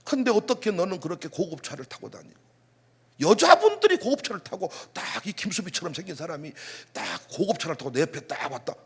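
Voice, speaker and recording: A middle-aged male pastor delivering a sermon in a very high, husky voice. His pitch swings widely as he fires off rhetorical questions and bursts into loud exclamations. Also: brisk. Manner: animated preaching with rhetorical questions and outbursts.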